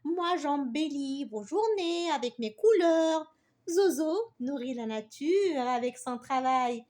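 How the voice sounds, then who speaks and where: A merry butterfly speaks slowly and warmly, as a woman puts it on. Its lines lilt up and down with a playful, teasing calm. A gentle storybook creature. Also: high voice. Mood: wise. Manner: slow, laughing, gently teasing.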